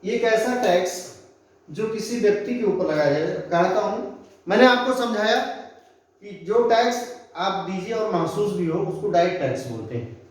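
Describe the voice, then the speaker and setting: A male teacher giving a classroom lecture, repeating key terms and mixing English definitions into his explanation. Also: sits high. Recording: echoey room from far off.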